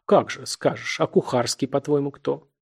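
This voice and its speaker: A man's voice: mid-range voice, fairly even intonation, moderate pace, gravelly, husky. A man voicing a sly, insinuating young man who mocks and probes his old school friend, in an audiobook reading. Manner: mocking, insinuating, laughs a lot.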